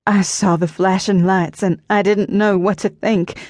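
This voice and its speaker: A woman voicing a gentle, caring older mother who speaks in a soft, thin, slightly shaky way. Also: lowish voice, normal speed, dry recording, clean studio sound, lightly acted. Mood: worried.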